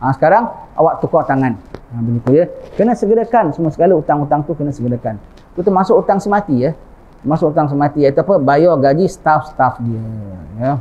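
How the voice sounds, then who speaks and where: This is an informal sermon by a male preacher with a Malaysian Malay accent. His fairly high, dark-toned voice is expressive and fast, with the highs cut off, and he keeps a conversational tone, often asking his audience "ha?".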